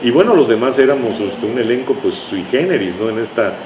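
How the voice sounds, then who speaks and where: In a bookstore, a writer and radio drama veteran with a Mexican accent from Tabasco reminisces as an interview guest. His medium-pitched voice is animated and a little fast, and he hesitates, searches for words, and repeats phrases. The room gives an echo, with faint background noise.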